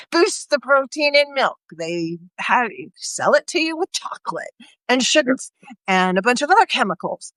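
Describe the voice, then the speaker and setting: On a live video call, a woman with a high, fairly bright voice speaks casually as a guest speaker on health. She rambles and restarts her sentences while explaining, and there's no room sound.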